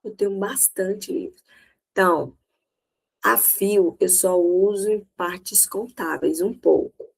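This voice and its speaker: A woman's voice: medium pitch, slow pace, gravelly, low-quality recording. A woman with a Brazilian Portuguese accent teaching English in a recorded lesson, explaining step by step and often checking that students follow.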